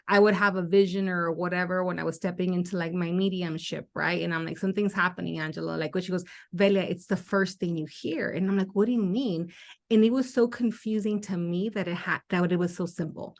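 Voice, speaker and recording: A middle-aged woman with a fairly low voice hosts a podcast as a spiritual coach. She talks in a candid, animated way, drops a casual swear word here and there, and plays out her own past reactions as she goes. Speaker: podcast host and life coach.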